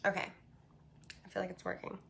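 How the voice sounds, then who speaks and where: A young woman with vocal fry, chatting casually on a livestream and answering comments haltingly into a handheld phone. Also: medium pitch, monotone, pushed and bright, slight background noise. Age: young adult. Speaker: livestream host and model. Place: small bedroom, indoors. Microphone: phone at arm's length.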